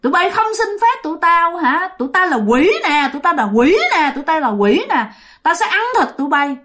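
A woman voicing a mocking, vengeful female demon ghost that shouts threats. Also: high-pitched, sing-song, brisk, pitched above the performer's own voice. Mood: taunting.

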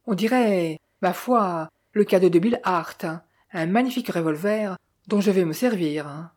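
A woman reading the part of a calm, polite male detective with formal, measured speech. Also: fairly low pitch. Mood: courteous.

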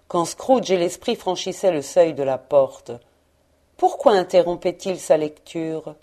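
A woman narrating a classic storybook as an audiobook, in a calm and measured way. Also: fairly low pitch. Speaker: audiobook reader.

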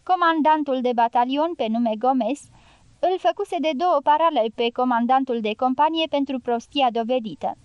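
A woman reads a novel aloud in steady, measured narration, touching the dialogue lightly without full character voices. Her voice sits a little high. The recording is dry and close, with no room sound. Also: smooth, no echo, lo-fi sound. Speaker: audiobook narrator. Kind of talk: scripted narration.

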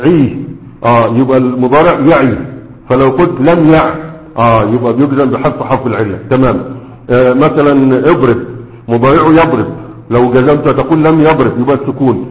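A man with an Egyptian Arabic accent teaching a grammar lesson. He slows down to recite examples and keeps checking that the class follows him. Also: mid-range voice. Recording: roomy hall echo, dull lo-fi sound.

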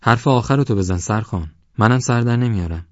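A man doing a shrill, desperate village mother. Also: no room sound, close to an everyday voice. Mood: desperate, pleading. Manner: pleading, shrill. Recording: dull lo-fi audio.

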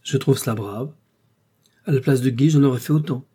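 Male reader doing an outspoken older countess, teasing, husky tone. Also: mid-range voice, moderate pace, mellow, lightly acted. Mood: lively. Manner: exclamatory, teasing. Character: elderly countess, lively, outspoken dowager.

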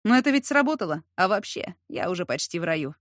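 A woman voicing a brash, feverish young man who talks in a hoarse, teasing, insistent way. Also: lowish voice, big pitch swings, quick pace, no echo, studio quality. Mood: playful. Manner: hoarse, at times whispering.

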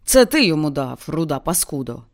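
Woman doing a young male brawler, hoarse, commanding, menacing. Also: deep voice, lively intonation, normal speed. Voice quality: hoarse shouting. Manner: rough, commanding, threatening.

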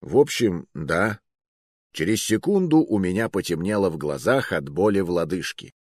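A man reads a first-person adventure audiobook in a rather low voice. His pitch swings in a lively, animated way, and his storytelling is expressive. The recording is close and dry, with no room sound. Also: normal speed, slightly rough, dry recording. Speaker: audiobook narrator.

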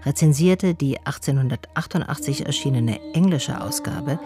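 An actress with a low, natural voice plays an observant, dryly sardonic woman in a radio drama. She narrates her investigation in a measured, literary way over music.

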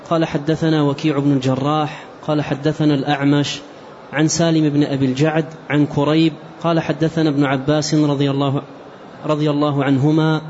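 A man, a student, reading hadith texts and their chains aloud to his teacher. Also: fairly high pitch. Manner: flat recitation of the text. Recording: distant dull lo-fi recording with faint hiss.

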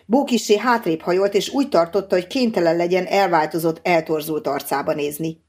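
A woman narrating a novel in a measured, steady audiobook reading. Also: lowish voice, breathy edge.

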